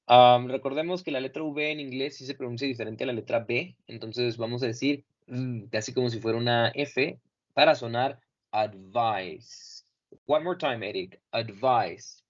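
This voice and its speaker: A man teaching English in Spanish over a video call, patiently modeling each word slowly and clearly for his students. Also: medium pitch, dull audio. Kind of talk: online class correcting pronunciation.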